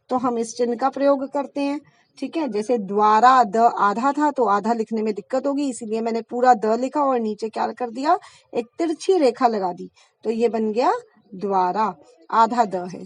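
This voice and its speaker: A woman's voice: high-pitched, darkish tone, dry recording. A woman teacher explaining grammar patiently, step by step, spelling out examples and checking in with her students. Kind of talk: Hindi grammar lesson.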